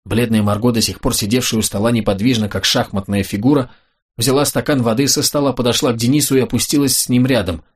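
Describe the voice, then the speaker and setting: A male narrator reading a novel aloud. His voice is husky and mid-pitched, and his delivery stays calm and even. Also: fast talker. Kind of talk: audiobook narration.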